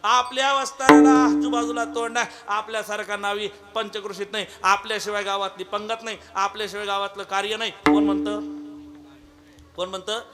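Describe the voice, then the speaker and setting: A man's voice: high voice, a little fast, over music. A man preaching a devotional kirtan sermon, telling a comic story and calling on listeners by name. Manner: humorous, animated, addresses listeners by name.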